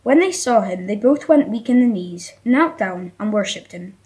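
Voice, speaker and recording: A woman reading the end of a nativity story aloud for a church community video, steady and plain. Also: mid-range voice, normal speed, poor audio. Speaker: story reader.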